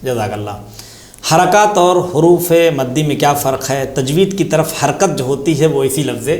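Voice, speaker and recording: Teaching tajweed as a religious lesson, this man speaks at a medium pitch in a darkish tone, his voice echoing around the room. With an Indian Urdu accent, he patiently goes over key terms again and again, asking and answering his own questions.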